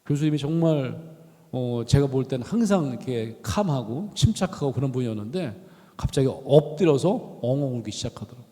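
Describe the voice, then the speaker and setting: A man's voice: medium pitch, a little fast. A middle-aged man giving a storytelling lecture in a university chapel, acting out the voices he quotes. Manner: animated storyteller who acts out quoted voices. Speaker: guest lecturer, professor. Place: large university chapel hall. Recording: long reverb of a large hall.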